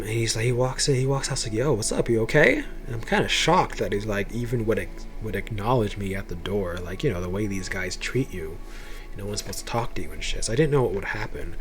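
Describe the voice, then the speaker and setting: A young man recounts his past in a casual vlog, his pitch swinging widely as he gets worked up. He swears freely and often trips over repeated words before pushing on. Faint music plays underneath. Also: lively intonation, brisk. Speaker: ex-Jehovah's Witness telling his story. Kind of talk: personal storytelling to camera.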